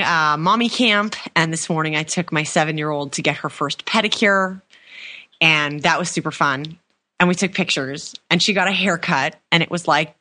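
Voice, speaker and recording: A woman's voice: low voice, sharp tone. A woman in her thirties co-hosting a podcast, chatting casually in a wry, self-mocking way. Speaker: podcast co-host. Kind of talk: casual chat.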